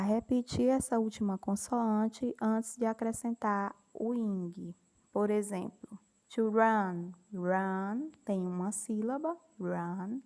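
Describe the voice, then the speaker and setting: Slow, patient woman with a gravelly edge. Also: medium pitch, warm tone. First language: Portuguese. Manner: slow, patient explaining with repeated examples. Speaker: English teacher. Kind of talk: classroom grammar lesson.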